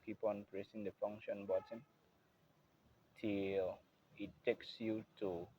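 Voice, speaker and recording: A man's voice: on the low side, level tone, takes it slowly, mellow, a little hiss or hum. A man giving a patient, casual step-by-step keyboard tutorial at his instrument. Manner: plain, patient, repeats "I believe you can hear".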